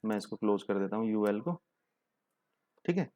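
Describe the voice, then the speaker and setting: A man's voice: on the low side, expressive, moderate pace, warm tone. A young man, teaching a coding lesson step by step and mixing English terms into his Hindi. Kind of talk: screen-share coding tutorial.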